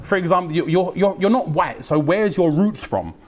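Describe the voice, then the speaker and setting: A British man from the United Kingdom gives a religious talk as a preacher, in a lively, slangy way, acting out the voices he quotes. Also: high voice, moderate pace. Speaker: Islamic preacher.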